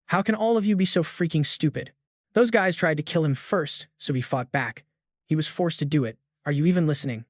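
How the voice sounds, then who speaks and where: A man voicing an angry young woman who shouts indignantly at a crowd. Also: on the high side, fairly quick, no echo, clean studio sound, natural voice. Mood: outraged.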